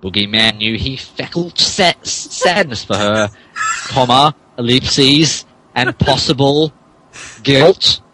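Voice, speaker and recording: A man with a medium-pitched voice reads fan fiction slowly for a podcast in a mock-dramatic style, theatrical yet stumbling over the text and adding asides. Faint background noise sits under the recording.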